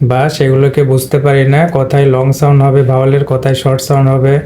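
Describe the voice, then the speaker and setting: Over slight background noise, a man with a warm, medium-pitched voice teaches English spelling and pronunciation in Bengali. He is from Bangladesh and explains each step while addressing his students directly.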